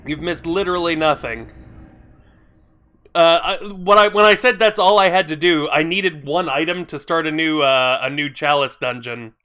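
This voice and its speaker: A man on a live stream plays a video game and talks casually with his audience, rambling and grumbling and swearing now and then. Stuffy from a cold, his voice is on the high side, moderately paced, sharp, clear and resonant.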